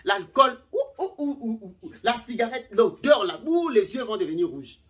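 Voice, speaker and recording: A middle-aged woman giving casual relationship advice to camera, animated, acting out little scenes and repeating words. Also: fairly high pitch, moderate pace.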